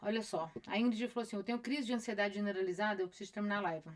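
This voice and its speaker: Speaking rapid-fire in a medium-pitched, steady tone, this Brazilian Portuguese-accented woman therapist of middle age talks casually on a live stream. She repeats phrases and acts out how her patients sound.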